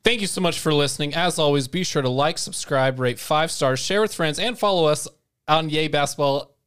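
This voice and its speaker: A man co-hosting a sports podcast, rattling off a quick sign-off. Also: fairly high pitch, a bit bright, clear, resonant tone. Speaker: podcast co-host. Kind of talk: casual sports podcast chat.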